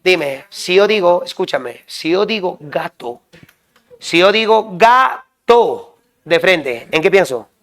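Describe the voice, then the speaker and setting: A male teacher drilling students with quick questions and repeated call-and-response prompts. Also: sits high, lively intonation, fairly bright tone. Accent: Peruvian Spanish. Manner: quizzing, repetitive call-and-response.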